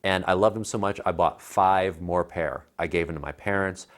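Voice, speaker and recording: Recorded through a clip-on lapel mic at home in his living room, an American co-host in his thirties reviews tech in a relaxed chat. He's low-pitched and fairly even in tone, speaks at a normal speed, and comes across as forceful, convincing, and informal.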